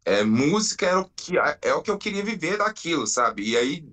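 Bright-voiced man telling his band story. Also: on the high side, very animated, fairly quick. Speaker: band founder, interviewee. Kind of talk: reflective storytelling.

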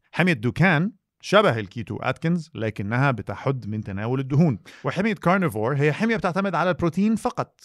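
Brisk Egyptian man presenting. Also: mid-range voice, no room sound, clean studio sound. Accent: Egyptian Arabic. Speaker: co-host. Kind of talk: podcast presenting, part scripted narration.

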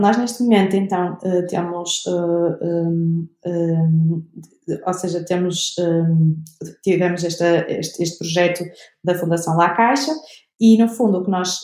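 A woman's voice: fairly low pitch, a little mellow, echoey room. A young woman with a European Portuguese accent, a researcher answering interview questions, hesitant with many fillers and restarts. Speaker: researcher guest.

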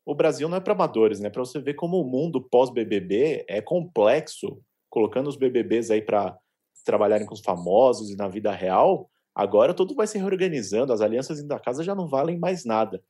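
A man's voice: mid-range voice, expressive, fairly quick, mellow, husky. A man with a Brazilian accent hosting a casual celebrity gossip chat, joking and steering the conversation. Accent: Brazilian Portuguese. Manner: joking, leads the talk. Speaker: host, entertainment editor.

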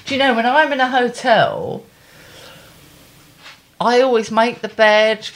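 A woman's voice: a little high, fairly even intonation, unhurried. A woman chatting casually, with an opinionated, emphatic way of talking. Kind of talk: casual chat with interjections.

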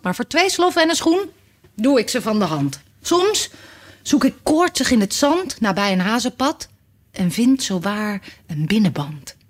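A woman doing a rambling old beggar man. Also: medium pitch. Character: old male wandering beggar in a ballad.

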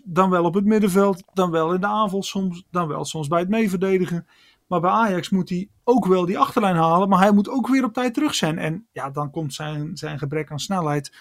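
A man's voice: high-pitched, dry recording, studio quality. A man giving football analysis in a hesitant way, with many fillers and restarts. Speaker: football pundit. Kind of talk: analytical sports chat.

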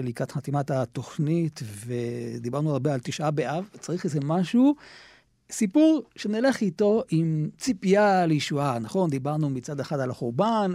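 A man hosting a radio show, enthusiastic and quick to chime in with short reactions. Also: a little high, dark tone, no room sound. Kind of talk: casual radio chat.

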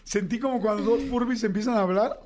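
A man's voice: high voice, fast talker, noisy background. A man hosting a radio show, chatting playfully and tenderly with small children. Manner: playful and teasing, tender with kids. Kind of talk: casual on-air chat with children.

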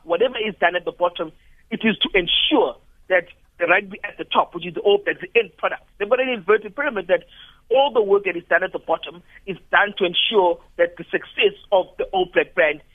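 High-voiced man on a tinny phone line. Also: dry recording. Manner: measured, restarts phrases, builds arguments. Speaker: studio guest commentator. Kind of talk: radio talk analysis.

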